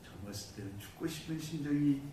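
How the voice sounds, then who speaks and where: A man preaching a sermon in a church, telling a story with sudden swings between loud and soft. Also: a little high, lively intonation, a little fast, noisy background. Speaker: pastor. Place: church sanctuary. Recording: distant mic in a very echoey hall.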